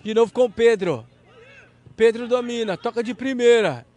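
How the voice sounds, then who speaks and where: A man's voice: extremely high pitch, moderate pace, darkish tone. A man with a Brazilian accent giving live play-by-play commentary on a football match.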